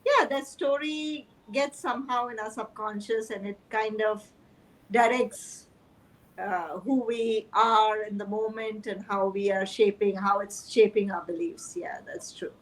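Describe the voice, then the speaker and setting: A woman's voice: mid-range voice, steady tone, measured pace, rough recording. A woman who is a life coach, speaking as a guest in a casual chat, thoughtful and hesitant, with fillers.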